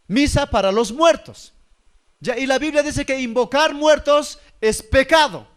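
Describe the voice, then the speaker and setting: A man's voice: very high-pitched, a little slow, a bit bright. A man, preaching a sermon and firing rhetorical questions at his listeners. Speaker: pastor.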